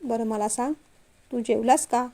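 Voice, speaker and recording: A woman voicing a gentle young woman in a storybook reading, speaking softly and coaxingly to the man she loves. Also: on the high side, measured pace. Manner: soft, coaxing. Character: gentle, apologetic young woman, office employee.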